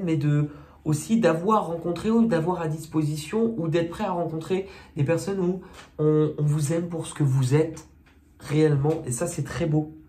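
A man's voice: a little high, darkish tone. A man giving a casual monthly tarot reading, chatty and hesitant, with many fillers and self-mocking asides. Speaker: tarot card reader. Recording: echoey room, faint noise.

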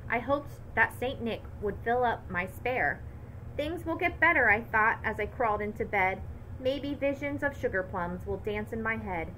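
Bright, expressive woman reading aloud. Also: fairly high pitch, moderate pace, slight background noise, poor audio. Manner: lively, expressive storytelling. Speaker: teacher. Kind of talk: reading a picture book aloud to children.

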